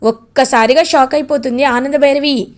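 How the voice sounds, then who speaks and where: A woman retelling a TV serial's plot in a lively, dramatic, casual way. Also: high-pitched, moderate pace.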